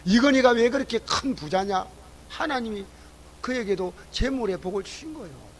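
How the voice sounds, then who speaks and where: A man preaching a sermon at a church service. He questions the congregation and swings between loud exclamations and low asides. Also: animated, normal speed, slight background noise, low-quality recording. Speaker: pastor.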